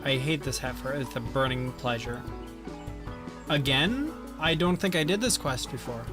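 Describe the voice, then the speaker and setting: A man's voice: mid-range voice, lively intonation, moderate pace, music in the background. A man joking and bantering sarcastically while playing a game on a stream. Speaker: gamer on a stream. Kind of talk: joking gaming chat.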